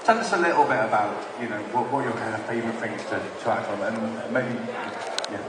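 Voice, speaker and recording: A man's voice: medium pitch, animated, a little fast. Joking male panel host in a hall. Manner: loose, joking questions. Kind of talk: introducing and interviewing a guest. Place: large convention hall stage. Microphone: far camera across the hall. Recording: echoey hall audio from far off, noisy.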